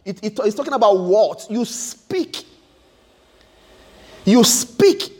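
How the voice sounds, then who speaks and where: Male preacher, emphatic sermon delivery, repeats and restarts phrases, very high pitch. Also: sing-song, takes it slowly, breathy edge. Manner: emphatic and repetitive, with stammered restarts.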